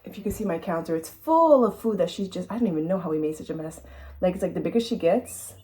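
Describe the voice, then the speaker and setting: Woman, casual home vlog, mellow tone, switches between baby talk to a pet bird and easy chat to camera. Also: lowish voice, rough recording. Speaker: bird rescuer hand-feeding a baby dove. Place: home kitchen.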